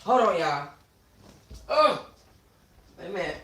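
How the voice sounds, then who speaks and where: Her lowish, slightly bright voice is very animated yet slow-paced as she reads to her book club livestream. Broadcasting on her phone from a room at home, she mixes expressive reading with informal, slangy remarks to viewers, all carrying a roomy echo.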